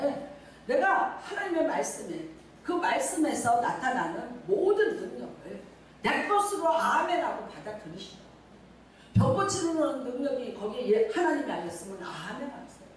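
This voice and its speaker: A middle-aged woman pastor preaching a sermon, lively and direct with her congregation, acting out little scenes. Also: high voice, slight background noise. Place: church sanctuary. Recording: echoey church room, mic at a distance.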